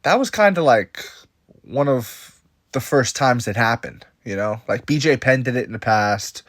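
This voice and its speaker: Man, mid-pitched, casual opinionated vlog commentary, animated and repetitive, dry close-mic sound. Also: moderate pace, no echo. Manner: animated, opinionated, repeats points. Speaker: MMA commentator.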